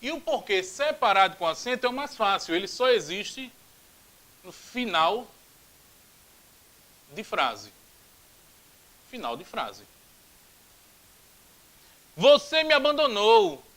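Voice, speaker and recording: Brazilian guy teaching grammar, high voice that jumps all over, drills stuff aloud, jokey. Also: unhurried, pauses often, poor audio. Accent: Brazilian Portuguese. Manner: animated, repeats drills aloud, jokey asides. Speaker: Portuguese teacher. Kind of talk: grammar video lesson.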